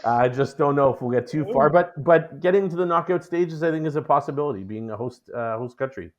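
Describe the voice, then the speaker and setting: A man's voice: fairly high pitch, a little fast. A man from Canada co-hosting a podcast, chatting in a friendly, conversational way. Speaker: podcast co-host. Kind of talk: casual podcast chat. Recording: dull lo-fi audio.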